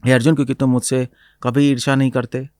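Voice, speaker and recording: Male spiritual teacher, middle-pitched, dry close recording, explains verses mixing Hindi and English. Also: level tone, fast talker, a little mellow, clean tone, dry recording. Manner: mixes Hindi and English, quotes Sanskrit verses, laughs often. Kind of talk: explaining scripture in conversation.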